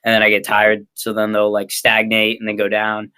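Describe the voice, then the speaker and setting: A man's voice: fairly low pitch, monotone, normal speed, bright, forceful tone, clear, resonant tone. A young man with an American accent, answering casually as an interview guest in a hesitant, rambling way. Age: young adult. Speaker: interview guest, ninja athlete and coach.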